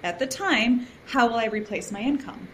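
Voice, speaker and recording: A woman who is a guest on a podcast, sharing her story in a chatty, animated way with many fillers. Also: a little high, normal speed, a little hiss or hum. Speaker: podcast guest, founder of a moms community. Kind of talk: casual podcast conversation.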